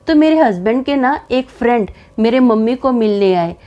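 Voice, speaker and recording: A woman's voice: on the high side, expressive, normal speed, highs cut off. A woman casually telling a personal family story in a chatty, conversational way. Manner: chatty, conversational, with frequent fillers.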